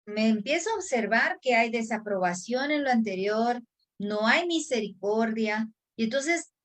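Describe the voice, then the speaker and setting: A woman hosting a conversation on mental health, explaining ideas and acting out a harsh inner critic in quick asides. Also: fairly high pitch.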